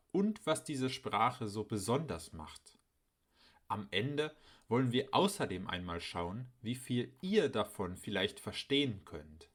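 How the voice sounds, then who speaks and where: A man narrating a scripted educational voice-over, explaining clearly and speaking directly to his viewers. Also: medium pitch, a bit bright. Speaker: channel host explaining dialects.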